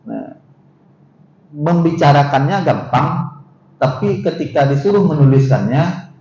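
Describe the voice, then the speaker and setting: A middle-aged university vice rector with a Minangkabau accent gives a seminar lecture, keeping it conversational, quizzing the audience, and often dropping "eh" and "gitu." His warm, slightly high voice moves with lively intonation at an unhurried pace. The seminar room recording sounds dull and roomy, with faint noise.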